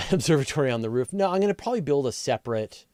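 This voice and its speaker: Animated and fast, with a mid-range, slightly mellow voice, this man hosts a casual live astronomy Q&A as a science journalist. He reads questions and answers spontaneously, thinking out loud and rephrasing as he explains.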